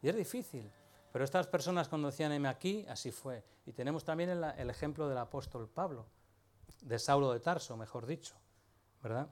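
A man's voice: medium pitch, brisk. A man preaching a sermon, talking to the congregation in a conversational way and often asking them rhetorical questions.

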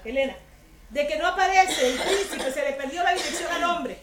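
Speaking at a moderate pace in a high-pitched voice, this women's ministry speaker gives a women's group a chatty, funny sermon full of rhetorical questions. There's heavy background noise, and the room is echoey with faint ambience.

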